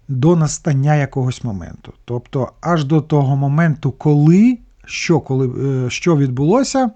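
Male language teacher, patient step-by-step explainer, warm dark tone. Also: medium pitch, highs cut off. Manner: patient, explains word by word with restarts. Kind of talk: explaining German grammar in a lesson.

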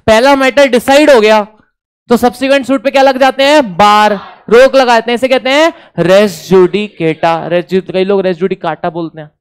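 Lively Indian male teacher, smooth voice. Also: extremely high pitch. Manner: lively, repeats key points and quizzes students; jokes with the class. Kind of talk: exam revision lecture.

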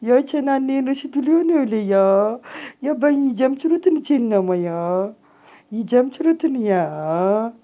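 A woman's voice: fairly high pitch, lively intonation, normal speed. Cooing woman doting on her cat. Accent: Turkish. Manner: cooing, doting, soft murmurs and whispers. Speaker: cat owner. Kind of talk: baby talk to a pet cat. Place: home at night.

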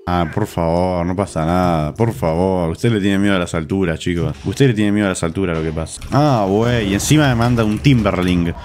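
A man's voice: low voice, darkish tone, faint music behind. A man with an Argentine accent giving live commentary on his gameplay, joking, swearing freely and often talking straight to his viewers. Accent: Argentine Spanish. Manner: crude, joking, quick to swear and laugh; chatty, often addresses viewers directly. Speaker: gaming streamer.

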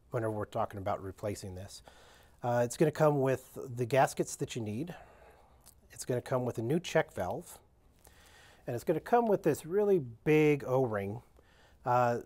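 A man's voice: mid-range voice, darkish tone. A man giving an unscripted how-to demonstration of equipment maintenance in a workshop, talking plainly with many fillers and restarts. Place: indoor workshop with benches.

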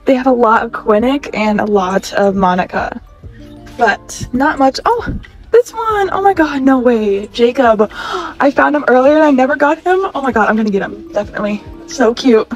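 A young woman in her twenties chats excitedly into her phone camera as she browses store shelves. Her voice sits a little high and she gushes freely. Faint store music plays in the background. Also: moderate pace. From California. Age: 20s. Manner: gushing, excitable, chatty. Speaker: vlogger. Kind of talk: casual shopping vlog narration.

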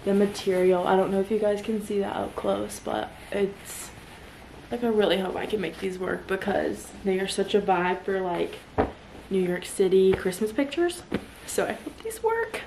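A woman's voice: medium pitch, moderate pace, vocal fry, background noise. A woman vlogging casually from a guest bedroom at home, chatty and full of filler words, with a sore throat and a cough drop in her mouth. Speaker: lifestyle vlogger. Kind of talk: casual chat.

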